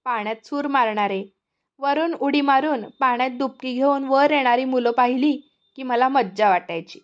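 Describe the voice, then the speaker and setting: A woman narrating a story for an audiobook in a gentle, expressive way. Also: high-pitched, moderate pace, lo-fi sound.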